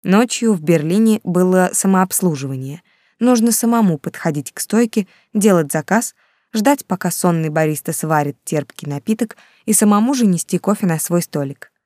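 A woman narrating a novel as an audiobook in a calm, even storytelling manner. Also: on the low side, moderate pace, no room sound, studio quality.

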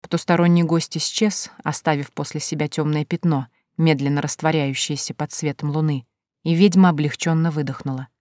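A woman reading an audiobook as narrator, in measured storytelling narration. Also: deep voice, fairly even intonation, a little mellow, no room sound, clean studio sound. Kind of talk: scripted narration.

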